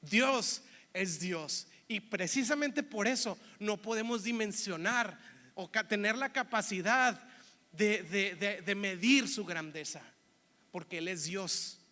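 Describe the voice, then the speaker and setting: A man's voice: high voice, slow pace, sharp tone, long reverb tail. A man with a northern Mexican accent from Monterrey, preaching a sermon in a chatty way and often asking "¿verdad?". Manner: conversational, keeps asking "¿verdad?". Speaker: pastor.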